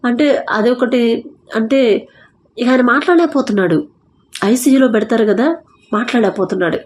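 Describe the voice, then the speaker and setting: A woman's voice: a little high, normal speed, a little mellow. Earnest woman telling a faith testimony. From India. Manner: retells dialogue in quoted voices, earnest and conversational. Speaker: testimony speaker.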